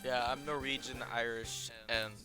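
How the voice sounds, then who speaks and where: A man joining a podcast chat in a playful, excitable way. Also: medium pitch, moderate pace, music in the background. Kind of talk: casual chat.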